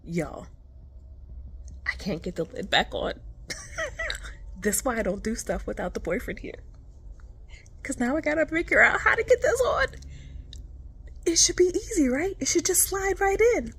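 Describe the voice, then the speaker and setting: This woman's voice sits high and gravelly, moving at a normal speed with long pauses. Showing her pet tarantulas on camera in a room of enclosures at home, she's animated and chatty, says "y'all" to viewers, and whispers when near the spiders.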